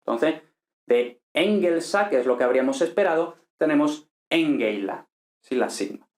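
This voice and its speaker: A man's voice: a little high, expressive, moderate pace. Patient man from teaching, echoey room. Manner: patient, explanatory, ends points with tag questions. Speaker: teacher of ancient Greek. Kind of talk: lecturing, explaining grammar.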